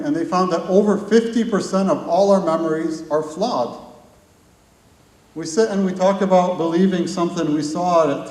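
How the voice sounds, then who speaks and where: A man with a darkish voice on the high side delivers a live talk at a conference, asking rhetorical questions and stringing together long repeated lists. The recording comes from far off in a large, echoey hall.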